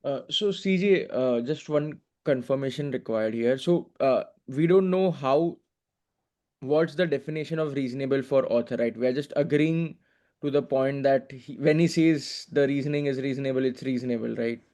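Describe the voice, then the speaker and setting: A man's voice: medium pitch, moderate pace, warm tone. A male student on a video call tentatively asking his tutor to confirm a point. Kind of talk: asking questions in online class.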